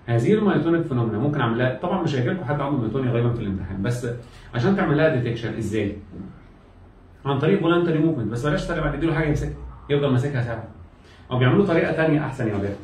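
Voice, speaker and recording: Brief: Egyptian male lecturer, very fast, drills students with repetition, recorded off-mic in an echoey room. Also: medium pitch, animated, darkish tone, distant mic, slight background noise. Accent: Egyptian Arabic. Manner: repetitive, drilling students, acts out exam steps. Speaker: medical lecturer. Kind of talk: classroom lecture.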